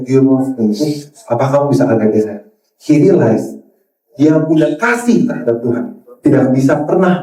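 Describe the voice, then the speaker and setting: Animated male preacher in an echoey hall. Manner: mixes English phrases into Indonesian, addresses the crowd as saudara; acts out quoted dialogue with sudden pitch jumps. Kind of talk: sermon. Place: church hall. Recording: echoey church hall from far off.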